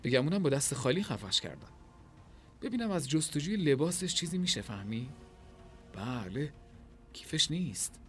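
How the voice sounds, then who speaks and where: A man voicing a sharp-witted Babylonian scholar who speaks in a dry, ironic way. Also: on the high side, very animated, pauses often, soft background music. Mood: thoughtful.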